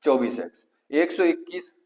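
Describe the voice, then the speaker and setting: A man's voice: on the high side, lively intonation, normal speed, a little mellow, rough recording. A man with a Kanpuri Hindi accent teaching an exam-prep math lesson, asking the class questions and answering them himself step by step.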